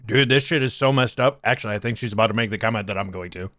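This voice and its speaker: A man giving casual reaction commentary, conversational and halting, with frequent swearing. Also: on the low side, heavy background noise. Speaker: reaction streamer.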